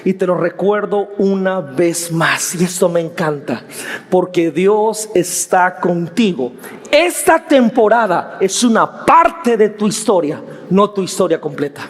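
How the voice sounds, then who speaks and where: A man preaching from the pulpit, pressing his points with repeated phrases and searching questions. His voice sits high for a man. The sound rings out with the long reverb of a large hall. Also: lively intonation, a little slow. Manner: preaching with rising questions and emphatic repetition. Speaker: pastor. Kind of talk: sermon.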